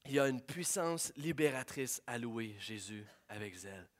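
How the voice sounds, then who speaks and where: A young man preaching a sermon, telling stories in an animated way and slipping in English phrases. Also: mid-range voice, normal speed. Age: young adult.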